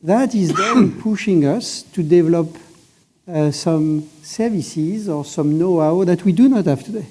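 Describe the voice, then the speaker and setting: Dark-voiced man on a conference panel. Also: on the high side. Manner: measured, emphatic, restarts phrases. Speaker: panelist, satellite operator executive. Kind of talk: industry panel discussion.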